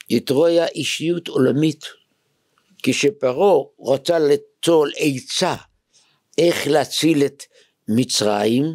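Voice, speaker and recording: Dramatic rabbi preaching, shouts to whispers. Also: male voice, on the high side, no room sound, clean studio sound. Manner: asks the listeners rhetorical questions. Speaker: rabbi and yeshiva head. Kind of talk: weekly Torah portion sermon.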